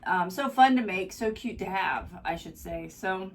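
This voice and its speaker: A woman hosting a casual craft tutorial, chatty and upbeat, a little hoarse, gushing over how cute things are. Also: mid-range voice, expressive, measured pace, distant mic. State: slightly hoarse.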